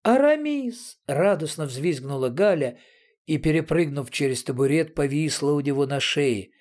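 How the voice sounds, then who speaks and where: Husky male storybook narrator. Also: medium pitch, fairly even intonation, normal speed, darkish tone.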